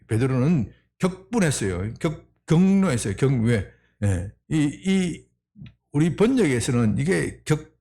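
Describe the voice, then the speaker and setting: Male pastor, sunday sermon, lively swinging pitch, fairly high voice, rhetorical questions. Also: vocal fry. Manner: animated, rhetorical questions to the congregation. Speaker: senior pastor.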